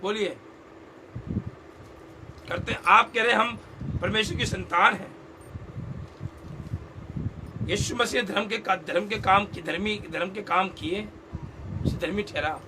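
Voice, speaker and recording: A male pastor preaches with a high voice, throwing questions at his listeners and having them echo his phrases. The recording carries a lot of background noise. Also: measured pace, pauses often. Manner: quizzes the congregation, repeating phrases. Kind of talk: call-and-response sermon. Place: church hall.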